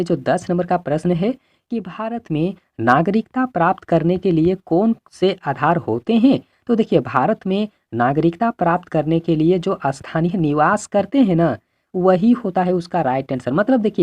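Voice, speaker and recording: A man's voice: high-pitched, lively intonation, normal speed, darkish tone, no echo, dull audio. A male teacher walking students through exam questions in an earnest, repetitive way, with a Hindi-belt Indian accent. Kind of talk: exam-prep lesson.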